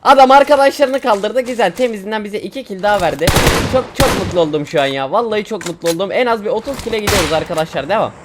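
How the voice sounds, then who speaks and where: A man's voice: high voice, very fast, noisy background. A young man commentating his own mobile shooter gameplay, casual and joking, talking to viewers and bursting out in fights. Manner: bursts into loud excitement in fights. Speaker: gaming streamer. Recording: game gunfire loud behind. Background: gunshots and game sounds.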